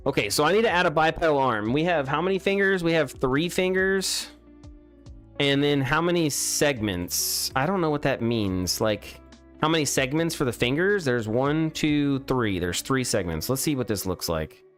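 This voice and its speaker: A young man live-streams himself building a game, chatting casually, exclaiming at mistakes, and restarting sentences. His voice is fairly high and bright, with lively intonation at a normal pace. He uses a studio mic with a pop filter, and faint music plays behind him.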